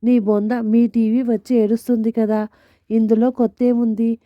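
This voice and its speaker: A woman's voice: fairly high pitch, level tone, normal speed, dry recording, lightly acted. Woman reading grumpy sarcastic husband, teasing tone, storybook, dull lo-fi sound. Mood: irritated. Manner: scolding, teasing. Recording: dull lo-fi dry recording.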